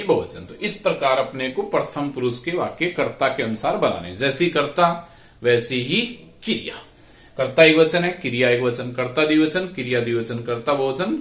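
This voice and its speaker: A man with a mid-range, slightly bright voice teaches Sanskrit grammar in a slow classroom explanation, drawing out every word and repeating verb forms aloud. He sounds distant in an echoey room.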